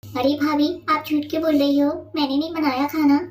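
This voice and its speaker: A woman's voice: sits high, flat delivery, brisk, lightly acted. A woman voicing a young sister-in-law who protests indignantly in a cartoon story. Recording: echoey room, distant mic, noisy.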